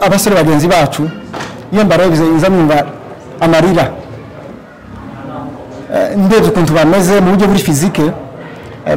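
A young man from Congo giving a campaign speech for a youth post, halting, with many fillers and restarts, at a stand mic in a large hall. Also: high voice. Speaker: candidate for youth leadership. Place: large plain hall, indoors.

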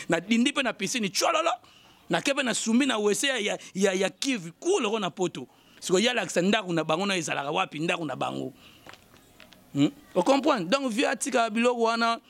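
A man's voice: sits high, a bit bright. A man giving emphatic commentary, repeating phrases and chanting fillers. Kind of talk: animated commentary mixing Lingala and French.

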